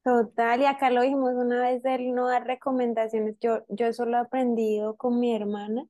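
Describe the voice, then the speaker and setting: A woman co-hosting a casual panel talk, agreeing warmly and telling personal stories. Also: on the high side, level tone, a little fast, no echo. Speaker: co-host.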